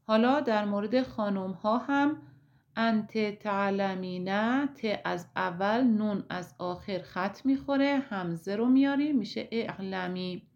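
A woman with a Persian accent, teaching an Arabic grammar lesson slowly and step by step. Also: medium pitch, vocal fry, darkish tone, dull audio. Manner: slow, deliberate, explaining step by step.

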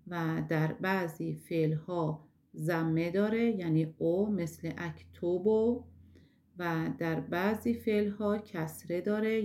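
A woman teacher talks through a recorded lesson in a patient, methodical way. Her voice sits a little low, and she slows right down to spell out each example word before moving on. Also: warm tone. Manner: slow, careful explanation that stretches out example words.

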